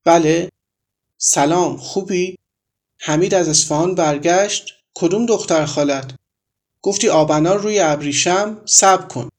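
A man reading as a weary, tearful young wife. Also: sits high. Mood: resigned.

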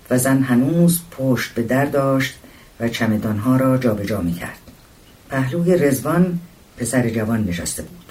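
A man narrating a story in a calm, measured reading voice. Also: medium pitch. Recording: voice distant from the mic.

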